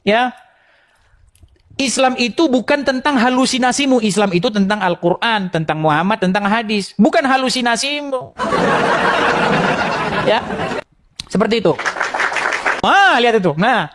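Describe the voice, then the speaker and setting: A man's voice: very high-pitched, measured pace, pauses often. A man hosting a confrontational live-stream debate, mocking and laughing often as he challenges his viewers. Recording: loud crowd and heavy background noise.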